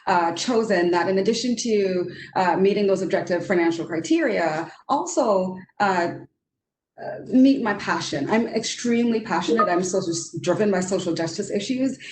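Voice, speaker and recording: A Trinidadian economist in her forties speaks earnestly on a video roundtable as a panelist, with many fillers and restarts. Her medium-pitched voice moves at a moderate pace over roomy video call audio with a little hiss or hum.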